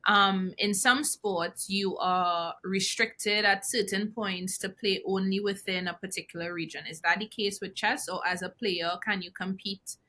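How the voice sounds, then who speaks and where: A woman with a bright, crisp voice hosts an interview podcast. She asks curious, chatty questions, often padding them with little fillers. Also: medium pitch, fairly even intonation, measured pace, hardly any pauses. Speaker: podcast host.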